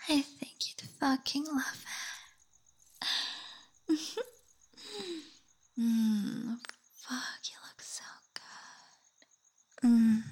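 A woman whispers close and unhurried, her voice airy and breathy. She teases and taunts in a slightly higher register, humming and sighing softly between phrases. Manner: teasing, taunting whisper with soft hums and sighs. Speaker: voice actor. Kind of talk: whispered roleplay audio.

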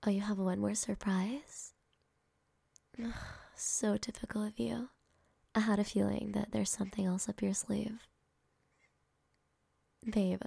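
A young woman whispering softly and affectionately to a partner in an ASMR roleplay, speaking close to the microphone. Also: mid-range voice, gravelly, husky, no echo. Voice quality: soft whispering, intimate and affectionate. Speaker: girlfriend in a roleplay.

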